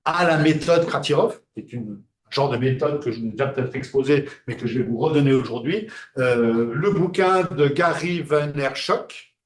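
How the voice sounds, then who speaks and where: A man's voice: medium pitch, normal speed, roomy sound. A man giving a classroom lecture, hesitant and full of fillers and restarts.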